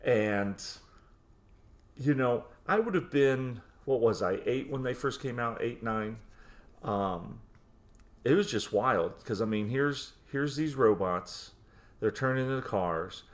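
A man's voice: mid-range voice, expressive, takes it slowly. A man in his forties co-hosting a podcast, chatting casually and nostalgically with frequent restarts. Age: 40s. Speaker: podcast co-host. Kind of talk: casual chat.

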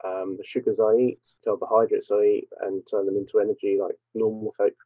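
Guest, 40s, low voice, rambling and relaxed, on a tinny, dry low quality call stream. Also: male voice, a little fast, dry recording. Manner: relaxed, rambling storytelling with fillers. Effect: low quality stream over a dropping call. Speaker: podcast guest. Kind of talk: casual conversation. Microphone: remote call.

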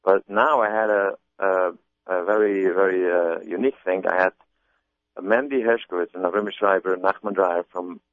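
Halting low-voiced man on a phone line. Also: fairly even intonation, no room sound. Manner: hesitant, many restarts and repeated words. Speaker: comedy album artist. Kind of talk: casual interview talk. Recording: muffled phone-line sound.

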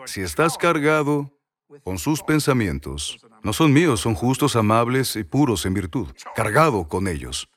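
Animated male preacher delivering a sermon. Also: fairly low pitch. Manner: repetitive, emphatic preaching with rhetorical questions.

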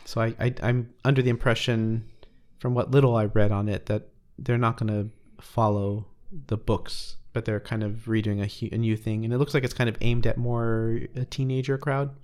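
Male co-host from the United States, mid voice, halting and searching for words, casual. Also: medium pitch, flat delivery, darkish tone. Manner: hesitant, restarts while searching for words. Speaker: podcast co-host. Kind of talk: casual chat.

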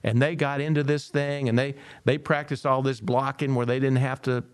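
A middle-aged man tells a story in an animated way, acting out the voices of the people in it and laughing often. His voice sits at an ordinary pitch for a man. The sound is dry and close, with no room echo. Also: normal speed. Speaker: speaker and former football coach. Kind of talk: storytelling in a podcast conversation.

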